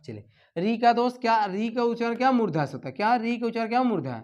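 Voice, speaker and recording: A woman teaching an exam-prep Hindi lesson, asking "what?" and repeating each answer back as a drill, her voice dropping quietly at the ends of phrases. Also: fairly high pitch, animated, quick pace.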